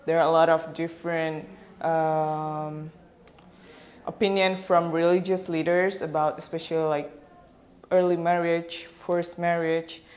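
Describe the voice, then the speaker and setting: A woman's voice: sits low, little pitch movement, a little mellow. A woman from Indonesia answering interview questions after a workshop, hesitant and full of fillers. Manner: halting, many fillers. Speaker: workshop participant.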